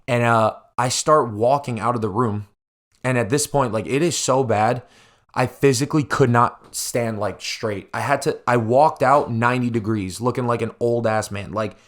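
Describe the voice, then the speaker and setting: A young adult man speaks as a podcast host in a medium-pitched voice. He recounts things in a casual, exaggerated way and swears often, as if talking to friends. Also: fairly bright tone. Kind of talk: casual storytelling to listeners.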